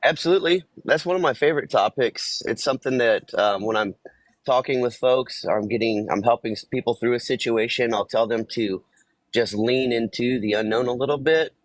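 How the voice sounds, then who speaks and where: A man's voice: mid-range voice, fairly quick, dry recording. A man co-hosting a casual live conversation, plainspoken and reflective, explaining things through everyday examples. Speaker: co-host of a live online talk show.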